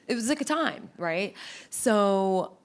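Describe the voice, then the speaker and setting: A woman in her thirties telling stories in a casual interview, animated, acting out quotes, with many fillers. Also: mid-range voice, takes it slowly. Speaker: guest.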